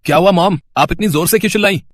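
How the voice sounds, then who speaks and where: A man's voice: sits high, a little hiss or hum, close to an everyday voice. A man voicing a reassuring young adult son who talks his mother down. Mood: placating. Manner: quick, reassuring.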